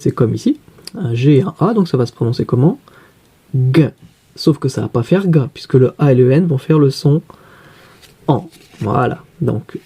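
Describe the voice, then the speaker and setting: A man with a very dark, husky voice gives a reading lesson for young children. He speaks slowly and patiently, explaining each card and stopping to ask what it says. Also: mid-range voice. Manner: slow, patient, questioning explanations. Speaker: teacher.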